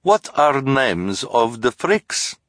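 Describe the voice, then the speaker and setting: A man's voice: medium pitch, sing-song, takes it slowly, no room sound, clean studio sound, voice pushed up. A man voicing a sly foreign woman fortune-teller who speaks broken English, in an audiobook. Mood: curious. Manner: broken English, drops articles.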